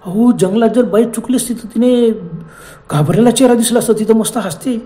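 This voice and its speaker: A man's voice: extremely high pitch, brisk, mellow, voice pushed up. A man voicing frightened young men in a spoken horror story, calling out urgently and repeating words. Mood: fearful. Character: panicky young men fleeing a forest ghost.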